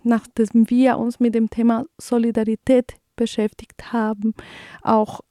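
A Colombian woman in her thirties, a native Spanish speaker with a Colombian accent, hosts a community radio show with commentary and news reading. Her fairly high, mellow voice is flat and unhurried, and her delivery is hesitant, full of fillers and restarts. The sound is clean studio audio with no room sound.

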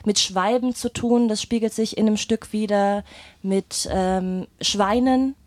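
Her voice is medium-pitched and steady, and she speaks slowly on a dry recording. She's a singer and guitarist appearing as an interview guest, talking casually into a microphone and sharing her story with hesitation and thought.

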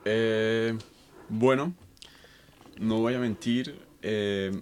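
A man's voice: lowish voice, fairly even intonation, drawn-out words, darkish tone, a little hiss or hum. A man in his thirties from Colombia, a guest talking thoughtfully in an interview, with many fillers and restarts. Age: 30s. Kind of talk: conversational interview.

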